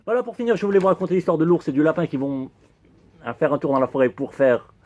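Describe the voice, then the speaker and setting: A man delivers an ironic satirical monologue. His voice sits high, and he lands each punchline with dry sarcasm. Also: expressive, fast, darkish tone, highs cut off. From Algeria. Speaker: humor columnist.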